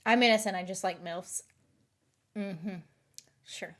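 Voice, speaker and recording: Her mid-range voice has a fairly bright tone, and she takes her time speaking. This woman, a live streamer with a light Southern accent, chats casually with viewers in a giggly, rambling way, frequently restarting and overthinking aloud.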